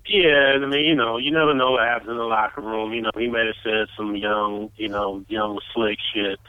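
A man's voice: lowish voice, steady tone, dry recording. Man talking over a tinny phone line. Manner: measured, loaded with "you know" fillers. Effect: heard over the phone. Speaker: sports talk call-in guest. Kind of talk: casual sports chat.

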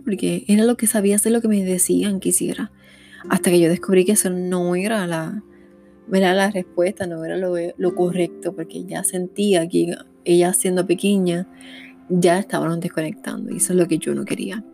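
A woman's voice: fairly low pitch, vocal fry, dark tone. A middle-aged woman with a Puerto Rican accent, talking casually about parenting and peppering her speech with "¿verdad?". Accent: Puerto Rican Spanish. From Puerto Rico. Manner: conversational, frequent "¿verdad?" fillers. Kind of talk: casual monologue.

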